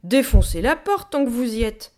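Brief: woman voicing a gruff storybook gorilla who loves books and shouts in irritation. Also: on the high side, expressive, normal speed, voice pushed up, lightly acted. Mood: angry. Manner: shouting, indignant. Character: gruff loud female gorilla, book-loving, short-tempered. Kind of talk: audiobook reading.

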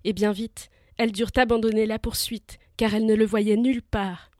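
A woman's voice: a little high, little pitch movement, moderate pace, darkish tone, no echo, clean studio sound. A woman storyteller giving scripted narration of a myth for young listeners, vivid and lifting with the action.

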